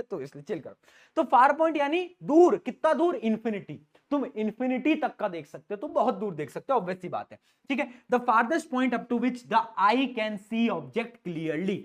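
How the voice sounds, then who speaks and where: A male teacher giving an energetic exam-prep lecture in a playful, teasing way, mixing English terms into his talk. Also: sits high. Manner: playful, teasing, calls students "beta"; mixes English terms into Hindi.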